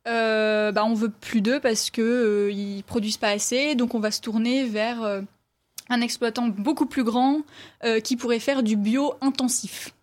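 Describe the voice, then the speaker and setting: A woman's voice: a little high, steady tone, measured pace. A woman reviewing a film in casual talk, hesitant, with many fillers and restarts.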